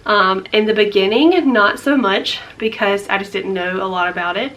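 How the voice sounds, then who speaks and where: A woman's voice: mid-range voice, moderate pace, a bit bright. A young woman chatting through a casual life update vlog, a little out of breath and rambling with lots of fillers. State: slightly out of breath. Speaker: vlogger.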